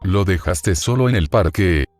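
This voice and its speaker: A man voicing a tired, worried middle-aged father who speaks gruffly and curtly, in a horror story reading. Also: deep voice, lively intonation, unhurried, no echo, soft background music. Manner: gruff and curt.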